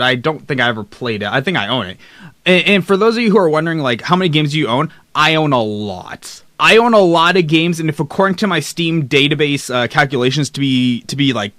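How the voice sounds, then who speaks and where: A man's voice: a little high, a bit bright, no echo. A young man streaming live, chatting casually and rambling through a list of games while reading the chat aloud. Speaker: streamer host. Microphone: desk mic close up.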